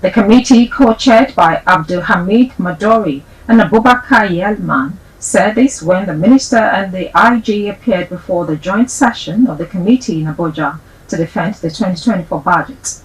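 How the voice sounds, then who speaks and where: A woman anchoring a TV news bulletin, reading headlines and reports in a formal, measured way. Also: medium pitch, poor audio.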